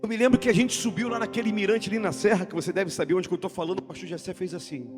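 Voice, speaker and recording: A pastor with a high voice preaches with dramatic swings, rising into loud, almost sung lines and sinking to hushed tones. His words ring out through a long church-hall reverb. Music plays clearly beneath him. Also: steady tone, very fast. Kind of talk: sermon. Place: church sanctuary.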